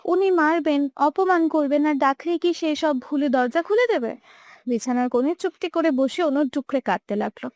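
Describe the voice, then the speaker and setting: A woman's voice: high voice, moderate pace, a little mellow, dry recording, clean studio sound. A young woman narrating a romantic audio story with emotive, dramatic delivery. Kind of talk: scripted narration.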